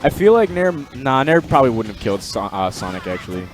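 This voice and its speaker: A young man giving live game commentary, joking and excitable, with sudden yells. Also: lowish voice, quick pace. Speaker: esports commentator. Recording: game music behind.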